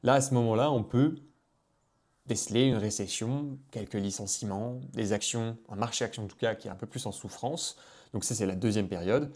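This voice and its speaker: A man's voice: fairly low pitch, moderate pace, darkish tone. A man explaining investing in a casual video, talking freely with many fillers and restarts. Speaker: finance content creator.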